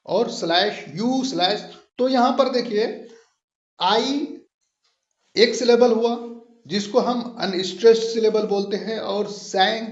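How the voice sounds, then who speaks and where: A male teacher, explaining a poetry term in a patient lecture and checking that students follow. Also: high voice. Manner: patient, repeats points and checks understanding. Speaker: English literature teacher. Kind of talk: explanatory lecture, mixing Hindi and English. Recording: roomy, dull lo-fi sound.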